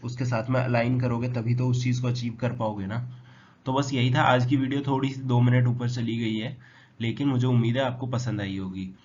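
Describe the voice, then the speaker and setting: A man teaching English vocabulary, who asks his students questions and answers them himself, spelling words out slowly. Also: mid-range voice, fairly even intonation, darkish tone. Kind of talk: explanatory lesson. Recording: dull lo-fi sound with faint noise.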